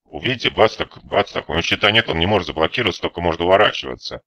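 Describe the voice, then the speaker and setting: A man's voice: low-pitched, animated, racing, sharp tone, dry recording, muffled recording. A man giving rambling, profanity-filled commentary while playing a game, irritated and ranting. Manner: constant swearing, rambling and irritated. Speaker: gameplay commentator. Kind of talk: profane let's-play commentary.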